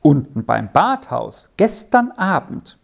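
A woman's voice: sits low, big pitch swings, takes it slowly, vocal fry, pitched above the performer's own voice, full character voice. A woman voicing a cocky, scheming young herd boy in a storybook reading, talking in a brash, coaxing, sly way.

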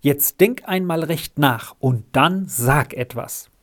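A man reading aloud, voicing an eager, lively little girl who pleads and chatters excitedly. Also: fairly high pitch, takes it slowly.

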